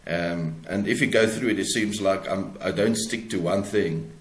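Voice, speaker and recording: Guesting on a podcast, a South African author speaks in a deep voice, halting as he works through his phrases. His answers are reflective and conversational, and the room sounds clearly echoey.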